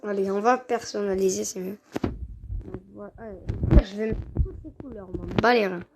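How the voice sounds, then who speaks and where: A woman doing casual gameplay commentary, excitable and quick to gripe and exclaim at the game. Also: mid-range voice. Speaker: gaming video creator. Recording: noisy home recording with clicks.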